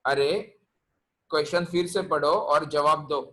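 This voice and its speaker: A male physics teacher leads an online class and keeps putting questions to his students. His voice is bright and sits a little high. He slips English terms into his Hindi. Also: fairly even intonation, measured pace, rough recording.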